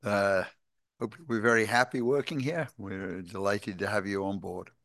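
A man serving as a board commissioner, speaking slowly and hesitantly in a cordial way. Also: on the low side, steady tone, fairly bright tone, no echo, clean studio sound.

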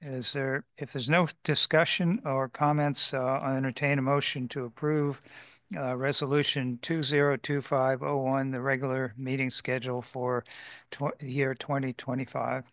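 A man chairing a public board meeting, calling votes in a formal, procedural way with halting pauses. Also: medium pitch, flat delivery, a bit bright, no room sound, clean studio sound. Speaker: commission chair.

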